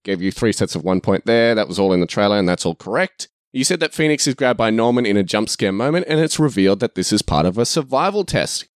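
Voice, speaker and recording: A man's voice: on the low side, animated, fast talker, few pauses, dry recording, studio quality. A man co-hosting a casual movie review podcast, teasing his co-host and laughing often as he reads through notes.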